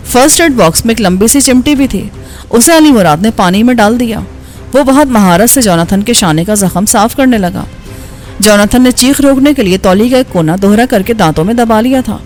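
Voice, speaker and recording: A woman narrating an action novel as an audiobook, in a steady storytelling voice. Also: on the high side, soft background music.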